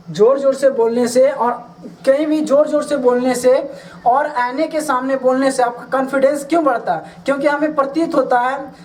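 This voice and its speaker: A high-pitched woman drills English words at an unhurried pace. She spells each one out letter by letter, repeats it several times and coaxes the listener to say it aloud with her. Her voice sits a little away from the mic, with a faint hiss behind it. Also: a little mellow, far from the mic, poor audio. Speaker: English teacher. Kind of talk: spelling and vocabulary drill lesson.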